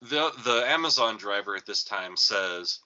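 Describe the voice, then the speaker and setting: A man's voice comes through thin and tinny with no bass at all, like a speakerphone across the room. His tone is very bright and sharp. He hosts a casual chat and tells a rambling story peppered with swearing. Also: animated, unhurried. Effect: thin, tinny sound with no bass, like a speakerphone across the room. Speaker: podcast host.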